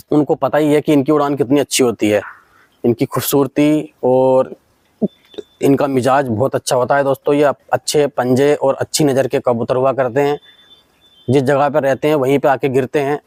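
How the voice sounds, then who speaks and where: A man's voice: medium pitch, steady tone, normal speed, darkish tone, no room sound. A man with a western Uttar Pradesh accent, selling pigeons in a casual vlog and eagerly urging viewers to look at each bird's quality. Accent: Western Uttar Pradesh Hindi. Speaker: pigeon seller showing birds.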